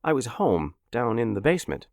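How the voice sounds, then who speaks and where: A frantic middle-aged shopkeeper, as a male narrator puts him on, shouting and pleading with a voice pushed high above its usual low register. The delivery swings wildly, with a gravelly edge in a dry, close sound. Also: sing-song, moderate pace, no echo. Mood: urgent pleading. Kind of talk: audiobook character voice.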